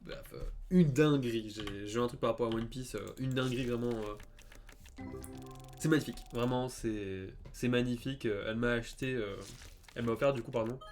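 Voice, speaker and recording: A man's voice: mid-range voice, normal speed, faint music behind. A young man streaming a game, telling a story casually with many fillers and stammers. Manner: animated, stammering, heavy fillers. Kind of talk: casual storytelling over gameplay.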